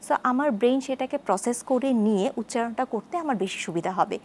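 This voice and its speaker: High-voiced woman explaining therapy steps. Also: expressive, a little mellow, a little hiss or hum. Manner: measured, explanatory, repeats key terms. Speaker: speech therapist guest. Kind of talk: explanatory studio discussion.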